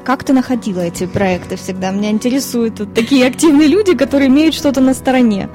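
Woman host firing off quick questions, warm mellow tone, fairly high voice. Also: faint music behind. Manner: quick, prompting follow-up questions. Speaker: radio show host. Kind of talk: friendly interview questions.

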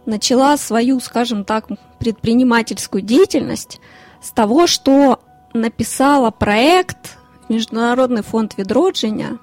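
A woman in her thirties from Ukraine, a lawyer and consultant, answering interview questions in a measured way with fillers. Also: fairly high pitch, a little mellow. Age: 30s. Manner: measured, listing things with fillers.

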